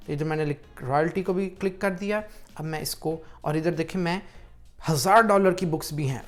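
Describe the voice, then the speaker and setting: Man hosting tutorial, casual screen walkthrough, chatty pep talk, faint music under it. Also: a little high. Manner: chatty and pep-talking, addresses viewer as brother. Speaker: YouTube tutorial host.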